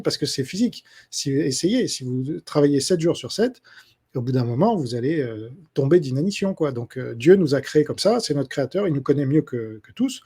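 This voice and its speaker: Husky man musing with many fillers. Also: fairly high pitch, warm tone. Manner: hesitant, many fillers and restarts. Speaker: author answering subscriber questions. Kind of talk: casual spoken Q&A monologue.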